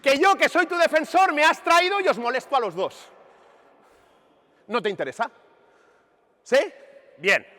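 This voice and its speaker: A man coaching basketball players on court, animated and emphatic, firing questions at them as he demonstrates. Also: extremely high pitch, unhurried, pauses often. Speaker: basketball coach running a clinic. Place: large indoor sports hall. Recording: reverberant gym recorded from a distance.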